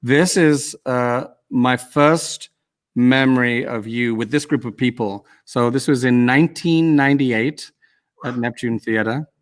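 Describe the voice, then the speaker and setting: A man from the UK hosts a casual interview over a video call. He talks in a chatty, rambling way, circling back on his questions and teasing his guest now and then. His voice sits at an ordinary middle pitch. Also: unhurried. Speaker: host.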